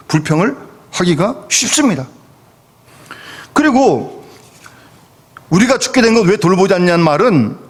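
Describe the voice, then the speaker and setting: A man's voice: high voice, breathy edge. A male pastor preaching a sermon emphatically, with rhetorical questions to the congregation. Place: church sanctuary. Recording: reverberant church hall.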